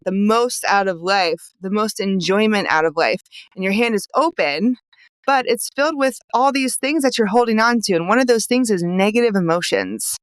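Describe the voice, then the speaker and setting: A woman's voice: mid-range voice, dry recording, rough recording. Upbeat woman life coach podcasting. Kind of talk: solo motivational podcast.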